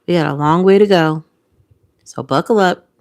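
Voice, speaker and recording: A woman's voice: fairly low pitch, moderate pace. A tearful woman, talking in a heartfelt vlog, repeating phrases and sometimes dropping to a whisper. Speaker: content creator. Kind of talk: emotional reflective vlog.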